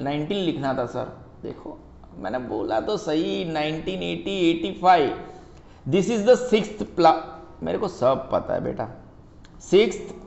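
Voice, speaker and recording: A man's voice: a little high, creaky, darkish tone. A male economics tutor giving a playful classroom lecture, joking and teasing an imagined student and mixing English terms into his talk. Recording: echoey, dull lo-fi room.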